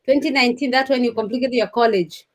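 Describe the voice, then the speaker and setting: High-voiced woman hosting a chatty online interview. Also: fast talker, a little hiss or hum. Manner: chatty, fills with many uh's and mm-hmm's. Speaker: host. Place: room in Germany.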